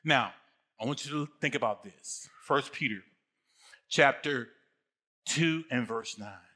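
A man's voice: mid-range voice, slow pace, sharp tone. An older man preaching a sermon as pastor, emphatic, repeating phrases and asking his congregation questions.

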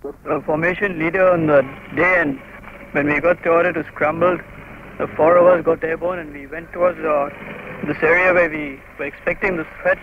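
A man's voice: on the high side, fairly even intonation, moderate pace, creaky. A man with an Indian accent giving an account as an air force formation leader in an interview. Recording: noisy, muffled archival field radio recording.

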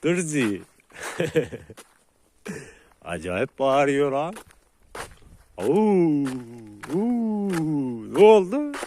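A man casually vlogging outdoors on farmland with his dogs, chatting to viewers and jokingly shouting at the animals. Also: medium pitch, a little hiss or hum. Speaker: dog breeder and vlogger. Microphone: phone camera.

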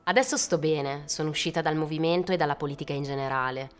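A woman's voice: low-pitched, quick pace, smooth, close to an everyday voice. A woman playing a former activist turned consultant in a mockumentary interview, speaking in a reflective, nostalgic way.

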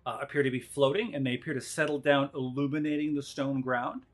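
A man narrating an online tabletop game as game master in a hesitant, halting way. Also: medium pitch, steady tone.

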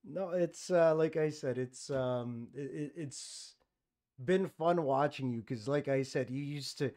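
A man's voice: a little high, measured pace, warm tone. A man from Canada hosting a casual podcast chat, laid-back and swearing casually. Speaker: podcast host.

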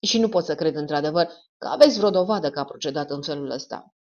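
A woman's voice: low-pitched, animated, darkish tone, lo-fi sound, voice pushed down. A woman reading the part of a skeptical male doctor in an audiobook, speaking dryly and with an air of superiority. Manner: dry, superior.

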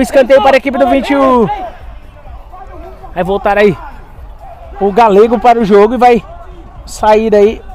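A Brazilian man calling a football match live, play by play, as its commentator. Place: small outdoor grass football ground, at the touchline. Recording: outdoor pitch, faint crowd noise.

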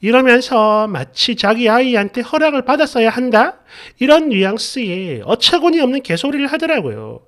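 A woman telling a dramatized first-person story with a lively, swooping voice. She sounds indignant and sarcastic, heaping scorn on the people she describes. Her delivery is dramatic and emphatic throughout. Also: fairly high pitch, moderate pace, hardly any pauses. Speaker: story narrator.

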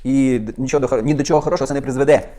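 A male pastor preaching a sermon with fervent, quick delivery, asking the congregation rhetorical questions and reading scripture aloud. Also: medium pitch, mellow. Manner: reads scripture aloud and comments on it.

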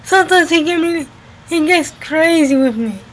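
A very high-pitched woman in her twenties from the United States, New Jersey and Florida, speaks at normal speed in a casual vlog, repeating her phrases for emphasis. She films at home indoors by a window with a webcam at arm's length.

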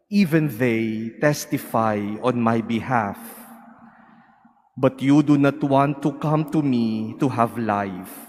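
Slow priest in cathedral echo. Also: male voice, mid-range voice, darkish tone. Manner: slow, measured liturgical reading. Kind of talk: proclaiming the Gospel at Mass. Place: large cathedral. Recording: long cathedral reverb, distant.

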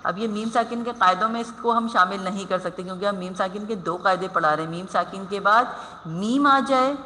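A woman's voice: medium pitch, a little fast, pushed and bright, slight background noise. A woman teaching a recitation lesson online, explaining each rule patiently and addressing her students fondly as children. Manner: patient, explains step by step, calls students "beta".

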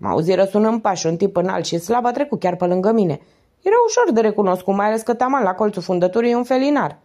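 A woman reading aloud and voicing a hoarse, tipsy market woman who speaks bluntly and emphatically. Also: medium pitch, mellow, voice pushed up, close to an everyday voice.

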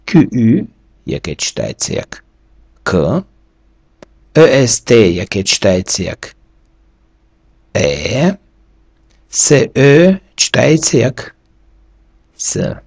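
A man's voice: medium pitch, sing-song, creaky, darkish tone, breathy edge, no echo. Guy teaching a lesson, goes step by step thru each letter, dry close sound, swoops up and down a lot. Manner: methodical, slowly walks through each letter rule. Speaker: French teacher. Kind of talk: recorded reading lesson.

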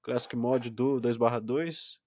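A man's voice: medium pitch, fairly even intonation, slow pace, a little mellow, no echo. A man streaming a game, patiently explaining the menus to a friend step by step. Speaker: gaming livestreamer. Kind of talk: casual gaming stream chat.

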